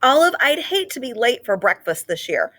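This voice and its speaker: A woman voicing a kindly, jolly old Santa in a children's storybook, speaking with gentle, measured emphasis. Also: a little high, very animated, voice pushed up, full character voice. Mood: gently coaxing. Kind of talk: children's storybook read-aloud.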